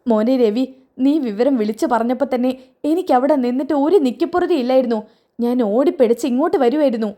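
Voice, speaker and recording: A caring old grandmother fusses over her family in a high, bright voice, put on by a woman narrating. She scolds and comforts by turns, her tone climbing well above an everyday speaking voice. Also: fast talker, lightly acted. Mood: fond, scolding. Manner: fussing, scolding, high and lively.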